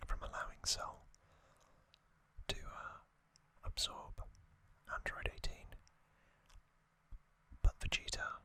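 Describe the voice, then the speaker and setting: A male ASMR host doing whispered storytelling, speaking very slowly in short, hushed phrases with a breathy, crisp sound.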